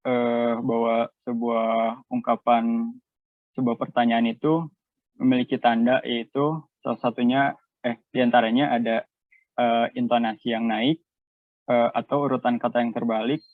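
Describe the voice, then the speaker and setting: Young man, Indonesian accent, slow halting delivery, thin phone-like sound, dry. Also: mid-range voice, no room sound. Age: young adult. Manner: halting, many filler sounds, switches between two languages. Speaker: student presenter. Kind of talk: class presentation, reading notes and explaining. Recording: tinny dry phone-like call audio.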